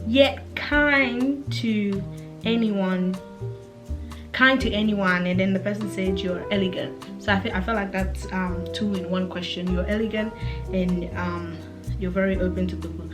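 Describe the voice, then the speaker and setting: Talking a little slowly in a mid-range voice, a woman in her twenties from Africa chats casually to camera as a vlogger. Her speech is relaxed and full of fillers and restarts, over a music backdrop.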